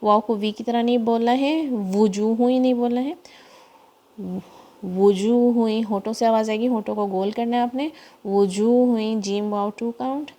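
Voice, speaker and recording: A woman teaching Quran recitation, explaining pronunciation rules in with English words mixed in and slowly repeating each word to demonstrate. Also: fairly high pitch, fairly even intonation, mellow. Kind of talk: tajweed lesson, explaining then reciting slowly.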